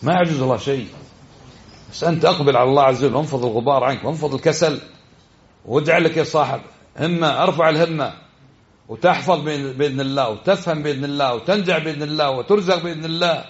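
A man's voice: fairly high pitch, very fast, lo-fi sound. A man giving a religious lesson, exhorting his listeners and often asking them questions. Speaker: religious teacher.

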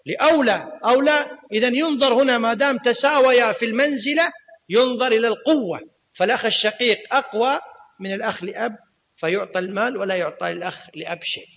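A man's voice: very high voice, fast, fairly bright tone, slight background noise. A man teaching a class, quizzing his students and repeating key points. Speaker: teacher of Islamic law and grammar. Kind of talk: classroom lecture. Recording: long reverb of a lecture hall.

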